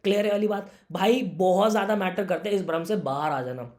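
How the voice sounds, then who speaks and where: Slightly hoarse young man giving earnest advice. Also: sits high, fairly quick, darkish tone. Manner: earnest, brotherly, keeps calling the viewer "my brother". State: slightly hoarse from a sore throat. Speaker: career guidance YouTuber. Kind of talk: direct-to-camera advice talk for students.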